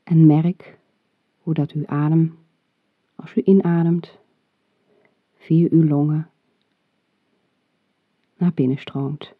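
Breathy, very slow relaxation guide, phone-like sound. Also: mid-range voice. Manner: calm, soothing, measured instruction. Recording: muffled phone-like audio, roomy echo.

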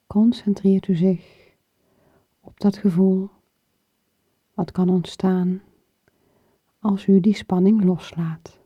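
A woman guiding a muscle relaxation exercise in short, soothing phrases, her soft breathy voice often falling toward a whisper. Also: medium pitch, fairly even intonation. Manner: slow, soothing, with pauses between short phrases. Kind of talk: guided muscle relaxation instruction. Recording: dull lo-fi recording with room echo.

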